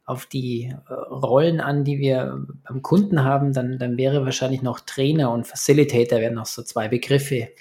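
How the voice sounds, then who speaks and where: A man's voice: mid-range voice, steady tone, normal speed, hardly any pauses, dark tone. Male podcast guest, 40s, business coach, mid-range voice, conversational, hesitant word-searching delivery. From Munich, Germany. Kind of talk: casual interview talk.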